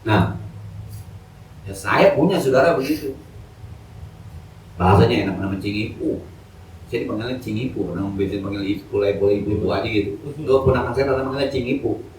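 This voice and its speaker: A man's voice: mid-range voice, fairly quick, long pauses, a little mellow, a little hiss or hum. A man giving a casual, joking evening sermon at a mosque, full of colloquial street slang. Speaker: ustadz giving an Islamic study lecture. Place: mosque hall. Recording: echoey hall, mic from a distance.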